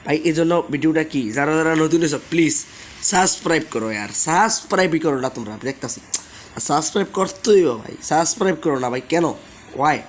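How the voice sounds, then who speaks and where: Hoarse young man with a sore throat. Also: a little high, lively intonation, a little fast, slight background noise. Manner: chatty, repeatedly begs viewers to subscribe. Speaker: gaming channel host. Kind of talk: casual gameplay commentary.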